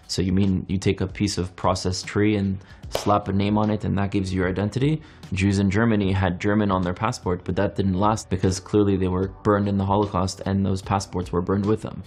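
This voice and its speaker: A young man born in France speaks in an earnest, reflective monologue. His deep, low voice moves through rhetorical questions and long, evenly paced lists. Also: flat delivery, brisk, a little mellow.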